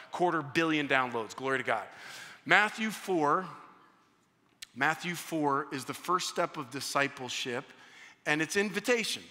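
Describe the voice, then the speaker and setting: Bright-voiced man preaching in a hall. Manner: energetic, climbs in pitch and volume when acting out scripture voices; repeats words and restarts phrases. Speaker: pastor. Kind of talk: sermon.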